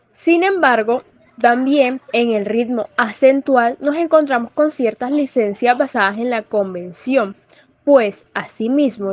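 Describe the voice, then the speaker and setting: A young woman presenting a read-aloud lesson on verse as a student, measured and careful, with small slips. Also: a little high, darkish tone, dry recording, dull audio. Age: young adult.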